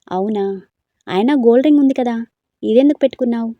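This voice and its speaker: A woman reading a storybook, voicing a gentle, easygoing young man. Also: on the high side, fast, dry recording, phone-quality sound, close to an everyday voice.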